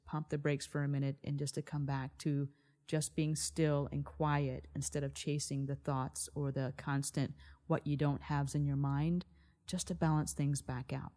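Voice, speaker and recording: A woman's voice: low voice, mellow. A woman co-hosting a wellness podcast, explaining things earnestly in a conversational style. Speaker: podcast co-host.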